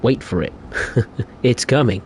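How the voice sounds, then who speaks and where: Speaking slowly in a mid-range, slightly mellow voice, a young adult man chats on a game live stream. He rambles and hesitates a lot while voicing his opinions, with slight noise in the background.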